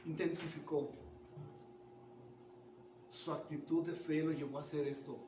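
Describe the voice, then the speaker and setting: A man preaching a sermon in an animated way, asking the congregation questions and restarting words. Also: a little high, measured pace, background noise. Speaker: pastor. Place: church. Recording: echoey church room from far off.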